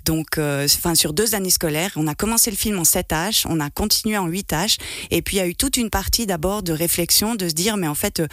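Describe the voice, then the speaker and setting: A woman's voice: lowish voice, fairly quick, fairly bright tone, no room sound, studio quality. A woman, a filmmaker guest in a radio interview, speaking hesitantly with many fillers and restarts.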